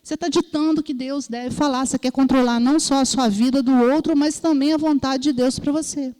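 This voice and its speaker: A woman's voice: high voice, fairly even intonation, brisk, warm tone. Brazilian woman preaching in a reverberant hall. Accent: Brazilian Portuguese. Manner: storytelling, acts out voices in quotes; asks listeners "entendeu?". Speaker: lay preacher.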